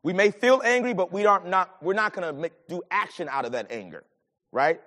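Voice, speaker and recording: A man preaching with a high, lively voice that leaps up and sinks back down as he moves between scripture and storytelling. His sermon rings out with a long reverb, like a large hall. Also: brisk. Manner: animated, swings from low murmurs to shouted lines. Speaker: pastor.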